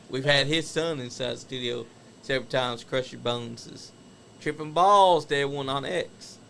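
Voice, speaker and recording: A man hosts a casual show about wrestling, reacting to old match footage with chatty opinions and laughing at anecdotes. His voice is medium in pitch, creaky, bright and forceful, at normal speed. Slight background noise is audible.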